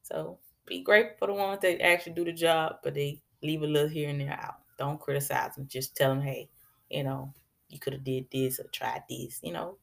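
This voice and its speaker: A woman's voice: low-pitched, steady tone, fairly quick, gravelly. A woman talking casually about manners and kindness, chatty and preachy, with colloquial asides to her listeners. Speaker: speaker giving advice. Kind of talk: casual talk on etiquette.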